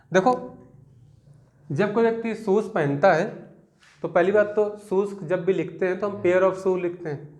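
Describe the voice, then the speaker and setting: A young man with a Hindi accent teaching a grammar lesson, explaining step by step, asking students questions and reading example sentences out slowly. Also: high-pitched.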